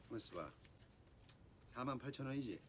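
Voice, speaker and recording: A man plays a shop boss in a television drama. He talks very quickly at a medium male pitch. There is faint noise and ambience behind him. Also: animated, natural voice. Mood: brisk, matter-of-fact. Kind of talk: TV drama acting.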